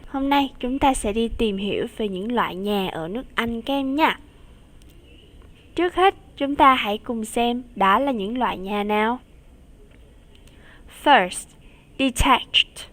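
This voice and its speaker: A woman teaching an English lesson for children in a recorded video. She says each word twice and drills its sounds for pupils to repeat. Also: fairly high pitch. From Vietnam.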